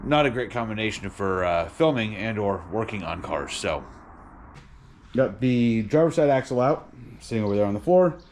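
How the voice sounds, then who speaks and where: A man giving a casual car vlog in a tired, sedated, halting way, sounding drowsy and medicated. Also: on the low side, animated, a little mellow, a little hiss or hum. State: tired and drugged on muscle relaxers. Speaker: car vlogger and home mechanic.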